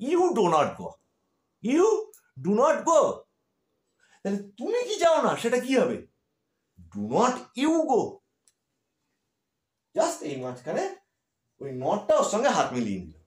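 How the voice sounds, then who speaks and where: A man with a Bengali accent teaching grammar, asking questions and repeating examples slowly. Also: very high-pitched. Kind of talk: grammar lesson. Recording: echoey room.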